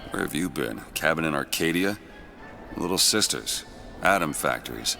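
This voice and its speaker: An actor playing a gruff, weary, middle-aged detective in a video game, curt and clipped. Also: male voice, animated, moderate pace, over music, heavily acted. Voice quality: gravelly, low. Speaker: hard-boiled detective.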